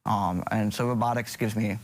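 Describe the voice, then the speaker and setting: Man from Hawaii, middle-aged, TV guest surgeon, hesitant, slightly low voice. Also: steady tone, moderate pace. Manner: hesitant, many ums and restarts. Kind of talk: TV morning show interview.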